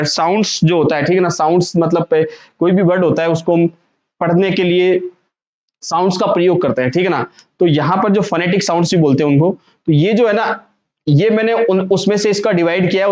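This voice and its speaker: A man teaching a vocabulary lesson, sounding words out syllable by syllable and asking the class to repeat them. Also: sits high. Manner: drills pronunciation, repeating words and asking questions. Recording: dull lo-fi sound.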